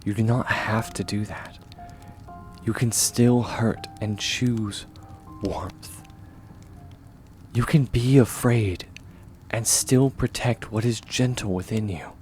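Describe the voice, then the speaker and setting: With soft music in the background, a man plays a kind young warrior in a comfort ASMR roleplay. His lowish voice keeps a fairly even intonation as he speaks in a gentle, reassuring, measured way, often hushed, soothing and earnest.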